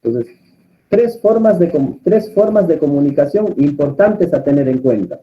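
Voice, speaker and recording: A man instructing a course, lecturing and often putting questions to his students in a calm teaching tone. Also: on the high side, normal speed, slight background noise. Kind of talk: online class lecture. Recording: muffled, lo-fi audio.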